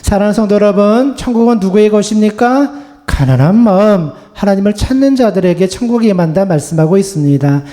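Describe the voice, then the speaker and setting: Male pastor, high mellow voice, earnest conversational sermon delivery. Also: fairly quick. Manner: earnest, conversational preaching with repeated "거예요" endings. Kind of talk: Sunday sermon. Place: church sanctuary.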